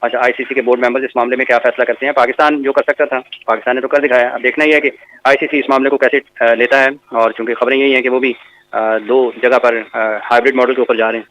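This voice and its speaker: A man speaking as a cricket pundit on a TV panel, halting, with fillers and restarts. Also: mid-range voice, level tone, a bit bright, low-quality recording. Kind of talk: TV panel commentary.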